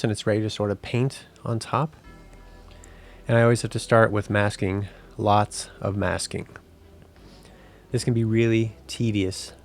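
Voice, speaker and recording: A man in his thirties, a 3D game artist, narrating a tutorial voice-over in a relaxed, explanatory way. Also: fairly low pitch.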